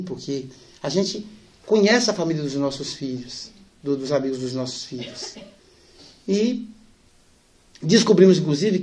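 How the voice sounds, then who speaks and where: A man giving a spiritist lecture, telling family anecdotes lively and softening for the sad parts. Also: a little high. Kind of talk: storytelling lecture.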